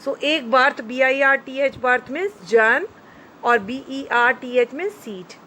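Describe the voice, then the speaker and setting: A woman's voice: high voice, takes it slowly, sharp tone, slight background noise. A woman teacher with an Indian English accent, a Hindi speaker, gives a bilingual grammar lesson to children, spelling out words letter by letter. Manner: addresses listeners as children. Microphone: phone screen recording.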